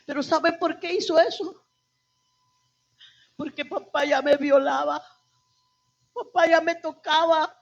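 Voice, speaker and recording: A woman's voice: high voice, fairly even intonation, unhurried, creaky, long pauses. A woman pastor telling her testimony to a congregation, emotional and calling them brothers. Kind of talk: testimony sermon. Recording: dull lo-fi church recording.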